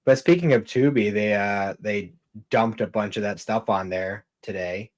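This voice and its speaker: A man's voice: fairly low pitch, normal speed. Rambling, swearing man on a podcast. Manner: rambling, swears often, many fillers. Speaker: podcast co-host. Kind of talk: casual chat.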